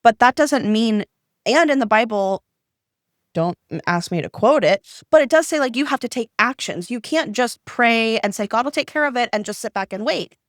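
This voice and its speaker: A woman's voice: a little high, lively intonation, normal speed, dry recording, clean studio sound. A young adult woman co-hosting a podcast, chatting casually in a giggly, rambling way. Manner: giggly, rambling, self-mocking. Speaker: podcast co-host. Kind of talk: casual chat.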